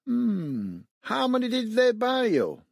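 A man's voice: very high voice, vocal fry, no room sound, studio quality, pitched above the performer's own voice, heavily acted. An older man doing a bored, drawling benefits clerk. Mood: flat. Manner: slow, drawling monotone. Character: bored middle-aged male benefits clerk.

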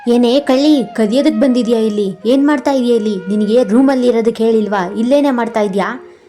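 A woman's voice: fairly high pitch, a little fast, mellow, faint music behind, close to an everyday voice. A woman voicing a rich, haughty older sister in a cartoon, scolding and contemptuous. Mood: scornful.

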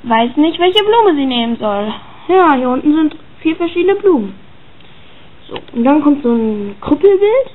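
A woman's voice: high-pitched, big pitch swings, a little slow. A woman chatting casually and hesitantly as she comments on her own drawings and reads their captions aloud. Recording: tinny phone-like sound.

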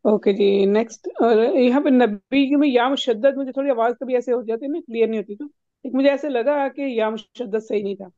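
Woman teacher, slightly high pitch, warm mellow tone, patient corrections, dry muffled call audio. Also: dry recording. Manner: patient, corrects pronunciation step by step. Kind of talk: teaching a recitation class.

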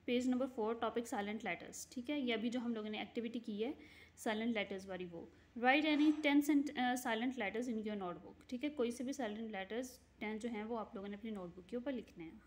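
Higher-voiced woman teacher explaining a lesson. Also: normal speed. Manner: frequent "theek hai" checks with students. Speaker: English teacher. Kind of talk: recorded remote class lesson.

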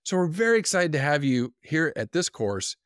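A man in his forties introducing an online course to camera in an upbeat, teaching manner, speaking into a boom-arm studio mic in a small indoor studio. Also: normal speed, no echo. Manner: upbeat, lively teaching delivery. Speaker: course instructor.

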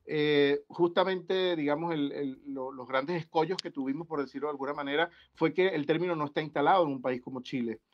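A man from Venezuela, a guest researcher on an academic video-call panel, talking in a halting way with many restarts and fillers. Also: fairly high pitch, fairly even intonation. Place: indoor room. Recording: dull lo-fi video-call audio.

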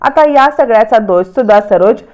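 A woman's voice: a little high, animated, moderate pace, a little mellow, muffled recording. A woman narrating a TV serial episode in a dramatic storytelling manner.

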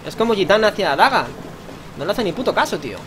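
Very animated and fast-talking, a young gamer with a Spain Spanish accent and a high-sitting voice jokes crudely through a casual let's play, reading lines aloud. Game music plays amid heavy background noise.

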